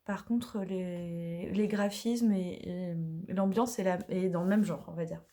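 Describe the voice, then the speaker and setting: A woman's voice: lowish voice, fairly even intonation, a little slow, warm tone. A woman casually unboxing and reviewing an oracle card deck, talking chattily with many hesitations and now and then dropping to a whisper.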